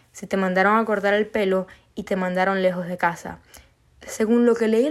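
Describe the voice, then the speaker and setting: A young woman from Venezuela with a Venezuelan Spanish accent, chatting casually on her own show, rambling with frequent restarts and casual swearing. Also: medium pitch. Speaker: podcast host. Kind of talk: casual solo chat.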